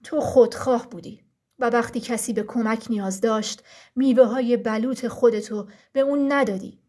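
A woman's voice: on the high side, darkish tone, natural voice. A woman voicing Frost, the powerful ruler of the forest in a storybook tale, speaking in a solemn, firm and scolding way. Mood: stern.

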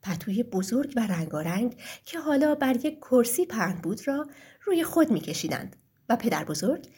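A woman narrating a storybook tale in a gentle, expressive manner with a breathy voice. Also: fairly high pitch.

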